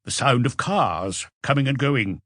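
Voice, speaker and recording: For an audiobook, a man voices a precise, self-assured witness with a keen eye, answering matter-of-factly. His mid-range, fairly bright voice has lively intonation and a measured pace. The recording is dry and clean, studio-made.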